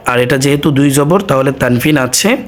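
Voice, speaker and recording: A man teaching Quran reading, drilling each sound slowly and answering his own questions. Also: mid-range voice. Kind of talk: slow drilled recitation lesson.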